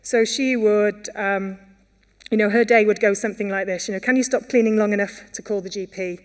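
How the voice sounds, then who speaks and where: In a conference hall with long reverb, a Welsh woman gives an earnest talk, frequently restarting and using fillers. Her mid-range voice is steady and clean, and she speaks briskly.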